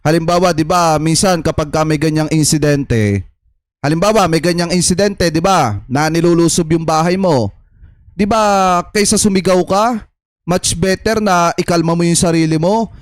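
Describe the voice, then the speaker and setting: A man with a Filipino accent speaks in a notably high voice, talking straight to his viewers as a political commentator. His delivery is chatty and repetitive. The recording is dry and close, with no room sound. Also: normal speed, no room sound. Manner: addresses audience as "mga kababayan", chatty, repetitive.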